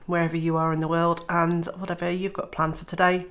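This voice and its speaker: Her fairly low voice is brisk and flat as this Welsh woman, suffering from a cold, chats to camera about her homestead. She sounds nasal and throaty and leans heavily on "uh" fillers.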